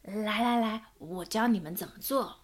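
一位女性扮演一位爱管闲事、指手画脚的邻居阿姨。. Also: female voice, medium pitch, normal speed, close to an everyday voice. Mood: bossy. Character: nosy, bossy neighbor lady.

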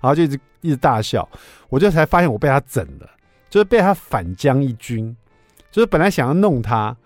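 A man, hosting a radio show and telling a story in a chatty, lively way. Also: mid-range voice, a little fast, dry recording, faint music behind. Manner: lively, chatty, asks listeners for agreement. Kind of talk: casual storytelling on talk radio. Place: radio studio.

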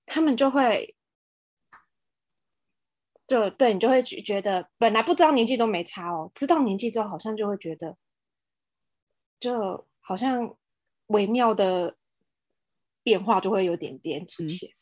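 A woman's voice: medium pitch, animated, moderate pace, pauses often, darkish tone, no room sound. A woman with a Taiwanese accent chatting casually on a podcast as co-host, in a self-mocking, mildly exasperated way.

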